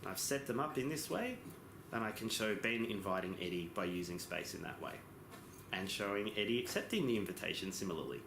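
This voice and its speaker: A man giving a simultaneous interpretation as voice-over for a lesson, explaining in phrases with pauses and occasional self-corrections. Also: on the low side, lively intonation, creaky. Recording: echoey room with background noise.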